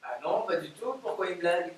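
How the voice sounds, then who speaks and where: A man with a high, brisk voice that sounds close to everyday speech plays a naive, clumsy, eager character on stage, hesitant and easily confused, and he's bluffing. The audio is picked up from far away in a very roomy theatre, with faint noise.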